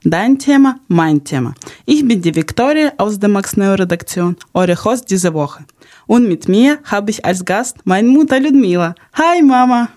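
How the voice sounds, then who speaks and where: This Ukrainian podcast host, a young woman, reads partly from a script in an earnest manner, making minor grammatical errors along the way. She has a medium-pitched, somewhat dark voice that is animated yet unhurried.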